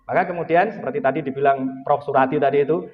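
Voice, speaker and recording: A man's voice: mid-range voice, fast. A man giving a religious lecture to a live audience, chanting Arabic prayer phrases and putting questions to the listeners. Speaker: lecturer at a forum. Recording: echoey hall, dull lo-fi sound.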